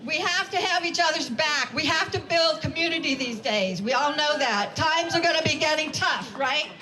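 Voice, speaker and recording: A woman's voice: high-pitched, moderate pace, bright, forceful tone, low-quality recording. A woman giving an emphatic, rousing rally speech to a crowd, repeating phrases for effect. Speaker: rally speaker and community organizer.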